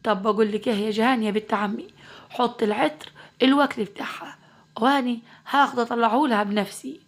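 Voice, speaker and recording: A woman's voice: on the high side, fast. A woman voicing a protective young male doctor with an Upper Egyptian accent, firm and caringly insistent.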